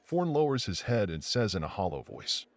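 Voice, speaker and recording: A man's voice: fairly low pitch, big pitch swings, moderate pace, no room sound. A man playing the narrator of a fantasy video game, reading scripted descriptions of the characters. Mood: descriptive.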